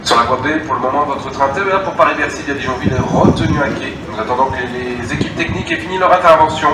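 A man making formal, halting live train announcements over a PA system in a railway station. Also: mid-range voice. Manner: formal, halting, repeats information. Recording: echoey distant station PA, vehicle noise.

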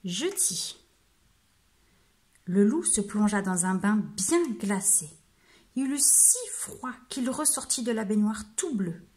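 A woman telling a storybook to young children, reading in a gentle, slow voice. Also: medium pitch, animated.

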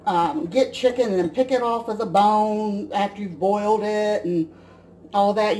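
In her home kitchen, a Midwestern woman in her forties casually walks through a recipe step by step as she cooks. Her voice is mid-range, and the camera mic on the counter picks up a noisy background.

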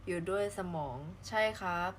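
A woman's voice: normal speed, slight background noise. A woman from southern Thailand chatting casually on a live stream, reading out viewer comments in a playful, exclamation-filled way.

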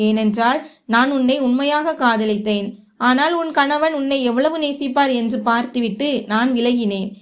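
A woman's voice: high-pitched, normal speed, close to an everyday voice. A woman reading as an earnest lovesick man. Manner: earnest, tearful.

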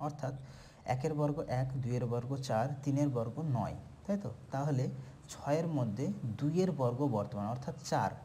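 A man teaching a maths shortcut, counting through sums aloud in steady lists and answering his own questions. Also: mid-range voice, a little hiss or hum. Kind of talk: step-by-step maths lesson.

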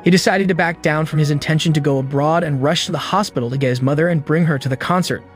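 A man's voice: on the high side, fast talker. Man narrating a movie recap over music. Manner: steady storytelling recap delivery. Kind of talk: scripted narration.

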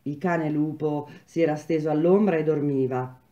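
A woman reading a novel aloud in a measured, even storytelling manner. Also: sits low, muffled recording. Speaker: reader of a novel.

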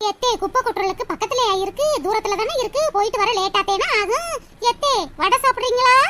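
A woman's voice: very high-pitched, quick pace. A woman voicing a sly young daughter-in-law in a cartoon, talking sweetly. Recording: noisy background.

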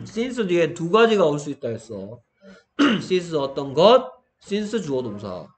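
A male English teacher giving an online grammar lesson, his voice a little strained from shouting, who breaks into exaggerated student exchanges. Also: a little high, slow. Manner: animated, acts out student exchanges in a raised voice.

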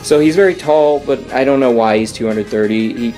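A man's voice: medium pitch, a little fast, a little mellow, soft background music. Young man rambling through a review. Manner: enthusiastic, rambling, with fillers and self-corrections. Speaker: Halloween prop reviewer. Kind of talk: casual review chat. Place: his bedroom.

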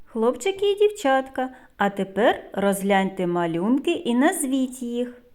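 A woman with a Ukrainian accent, a preschool teacher giving a phonics lesson to young children in a slow, clear, sing-song voice. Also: a little high, big pitch swings, a little mellow.

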